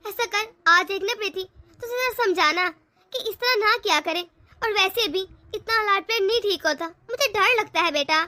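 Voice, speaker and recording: A woman's voice: very high-pitched, normal speed, pushed and bright. A woman voicing a stubborn older mother-in-law who nags and scolds in a stern way, in a homemade family drama. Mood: scolding. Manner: nagging, stern.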